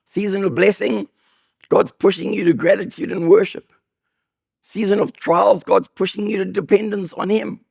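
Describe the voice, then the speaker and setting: A man preaching a sermon as pastor, with an accent, telling humorous stories with sudden high bursts of emphasis. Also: normal speed, dry recording, studio quality. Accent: non-local accent. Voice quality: gravelly, husky voice. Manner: animated, jokey storytelling with sudden high bursts.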